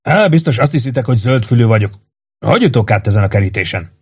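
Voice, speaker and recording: A man's voice: medium pitch, lively intonation, darkish tone, husky. A man voicing an awkward, sheepish young male soldier who grins as he talks. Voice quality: sheepish, grinning.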